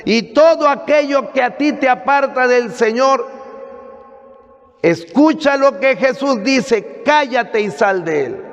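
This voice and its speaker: A Mexican priest giving a Sunday gospel sermon, preaching emphatically with dramatic pauses. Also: male voice, extremely high pitch, in a large hall. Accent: Mexican Spanish. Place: church.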